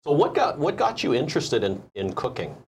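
A man's voice: on the high side, huge pitch swings, a little fast, vocal fry, a little hiss or hum. A man hosting a studio interview show, enthusiastic and often saying "I mean". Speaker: talk show host.

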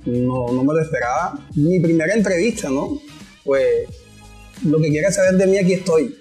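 A man's voice: fairly high pitch, moderate pace, a little mellow, soft background music. A man with a Colombian Caribbean coast accent chatting casually as an interview guest, in informal, hesitant phrasing. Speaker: interview guest, online comedy creator.

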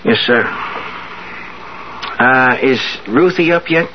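A man's voice: mid-range voice, takes it slowly, slight background noise, natural voice. An actor playing an eager young man in a 1970s radio drama, earnest and prone to stammering. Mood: nervous, pleading. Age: young adult. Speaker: young suitor. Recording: dull lo-fi 1970s radio broadcast.

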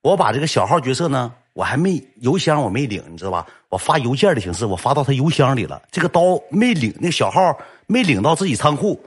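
A young man tells a comic story at a rapid clip. His husky voice swings widely up and down as he acts out every quoted line. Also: mid-range voice. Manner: lively, animated, acts out quoted lines.

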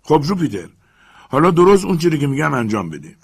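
A male audiobook narrator plays an excitable, obsessed master barking orders with loud urgency. His voice sits above the narrator's own. It keeps a husky, gravelly texture throughout. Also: a little high, pitched above the performer's own voice, heavily acted. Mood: urgent, commanding. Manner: loud urgent shouted commands.

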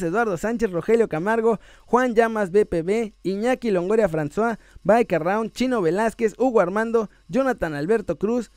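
A Mexican man hosts a sports news video channel, chatting casually to viewers while reading out messages and shout-outs. His voice is high and a little mellow, and he's playful and joking, stretching words out for emphasis. The sound is dry and close with no echo.

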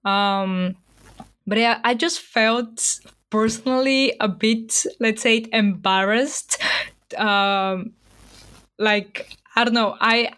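A woman's voice: mid-range voice, fairly bright tone. A young woman from Bulgaria hosting her own podcast, talking casually with lots of fillers. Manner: chatty, many fillers like "like" and "um". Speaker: podcast host. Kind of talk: casual solo podcast talk.

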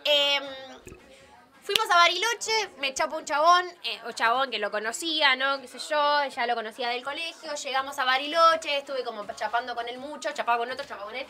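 A woman's voice: sits high, lively intonation, fairly quick, bright, forceful tone. Young Rioplatense woman telling a story. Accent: Rioplatense Spanish. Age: young adult. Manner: playful storytelling with voiced asides. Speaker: host. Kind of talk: casual chat on a live stream.

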